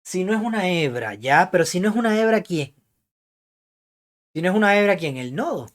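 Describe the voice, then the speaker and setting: A male lecturer explaining code to a class, pausing often to check that students follow and putting questions to them. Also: high voice, sing-song. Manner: keeps checking understanding with "¿ya?" and "¿entiendes?"; thinks aloud, hedging what he recalls. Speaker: programming lecturer.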